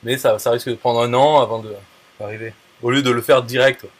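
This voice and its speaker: In a brisk, mid-range voice with fairly even intonation, a man speaks casually to a viewer. He's an affiliate marketer, blunt and prone to fillers, restarts and crude slang.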